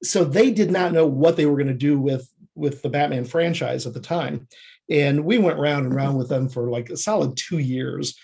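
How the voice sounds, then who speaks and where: A screenwriter appearing as a podcast guest tells stories conversationally, acting out bits of dialogue along the way. His voice is a little high, gravelly and slightly rough with a darkish tone, at a moderate pace.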